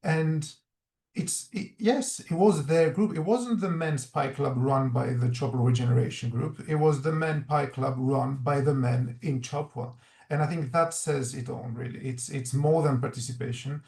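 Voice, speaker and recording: Male researcher giving a webinar talk, earnest, halting delivery, echoey room. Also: medium pitch, gravelly, darkish tone. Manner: earnest, reflective, many restarts. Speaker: researcher presenting findings. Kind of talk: webinar presentation.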